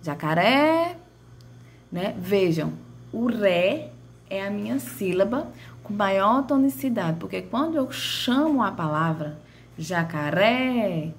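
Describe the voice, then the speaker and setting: Woman teacher, slow and sing-song, drawn-out example words. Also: medium pitch, expressive, slight background noise. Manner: stretches out and calls out example words. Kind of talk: grammar lesson.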